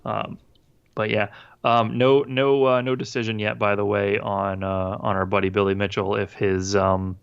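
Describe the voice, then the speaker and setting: Low gravelly man, rambling podcast co-host. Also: little pitch movement, moderate pace, highs cut off. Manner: rambling, profane, full of fillers and restarts. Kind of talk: casual gaming podcast chat.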